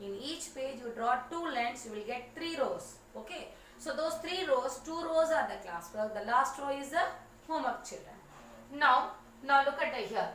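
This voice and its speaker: A female teacher talks to young children in a high voice, very slowly and patiently, spelling out each word. She is recorded from a distance in an echoey room, with faint ambience behind her. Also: lively intonation, fairly bright tone, a little hiss or hum. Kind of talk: online class lesson.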